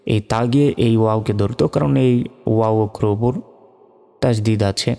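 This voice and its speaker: Low, mellow man teaching Quran reading. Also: vocal fry, in a large hall. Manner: slow, patient, methodical. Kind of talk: spelling out Arabic letter by letter, then chanting the verses.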